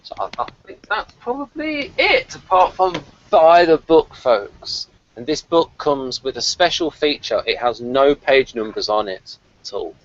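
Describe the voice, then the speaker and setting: In a relaxed podcast review of a television series, a man speaks unhurriedly at medium pitch, sounding very animated as he chats and reads out his notes. The sound quality is dull and slightly lo-fi.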